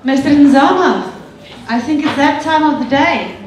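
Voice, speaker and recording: Animated and high-voiced, this event host speaks to the crowd at a measured pace in a polished, enthusiastic presenter's style. The large indoor venue is very echoey, she sits far from the mic, and there's some background chatter and slight noise.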